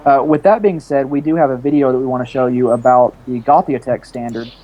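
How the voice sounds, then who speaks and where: A man's voice: mid-range voice, brisk, mellow, rough recording. A man co-hosting a casual online panel, speaking earnestly for his cause, on a home computer mic over a video call. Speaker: podcast co-host.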